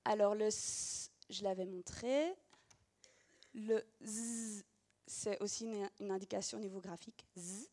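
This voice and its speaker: A woman's voice: medium pitch, steady tone, normal speed, mellow. A woman teacher giving an explanatory demonstration of reading gestures, talking patiently with frequent hesitations.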